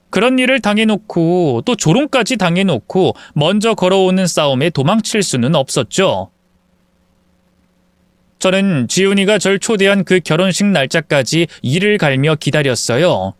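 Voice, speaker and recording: Measured, bitter male storyteller. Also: a little high, dry recording. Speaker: narrator. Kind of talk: scripted first-person story narration.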